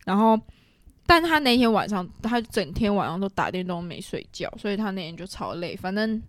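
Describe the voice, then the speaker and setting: A woman's voice: mid-range voice, fairly quick, no echo. Woman, podcast storyteller, acts out quotes, dry close sound. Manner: animated storyteller, acts out quoted lines, laughs often. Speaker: podcast co-host. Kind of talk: casual storytelling chat.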